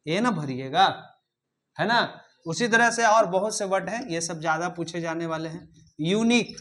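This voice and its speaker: In a high, lifted voice with a bright, forceful tone, a male English teacher runs a grammar lesson in class. He fires question after question at the students and keeps repeating his prompts until someone answers.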